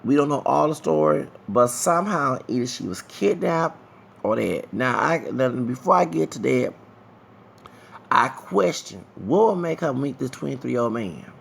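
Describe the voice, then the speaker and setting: A man in his late thirties talks straight to his viewers, wandering off on side stories and circling back with repeated phrases. His voice sits at an ordinary pitch and carries a heavy, gravelly rasp all the way through. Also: big pitch swings, moderate pace, a little hiss or hum. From Texas, USA. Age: 30s. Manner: digressive, repeats himself, talks to viewers directly. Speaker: vlogger. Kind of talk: casual rambling commentary.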